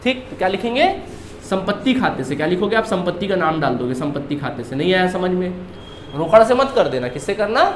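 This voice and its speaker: A man's voice: high voice, big pitch swings, fairly quick, reverberant, a little hiss or hum. A male accountancy teacher giving a classroom lecture, firing questions at students and answering them himself, repeating key terms.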